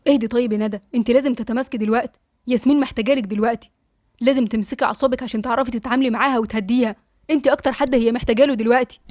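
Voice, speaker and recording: A woman voicing a calm young male doctor in an Egyptian Arabic audiobook drama, speaking in a reassuring way. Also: high voice, rapid-fire, hardly any pauses, no room sound, studio quality.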